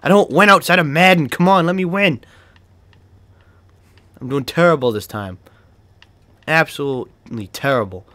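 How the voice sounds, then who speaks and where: A young man with a Boston accent, a gaming video creator, gives casual gameplay commentary in a fairly high voice at a moderate pace, pausing often. He's excitable, cursing and laughing a lot and yelping when something startles him, and there's no echo.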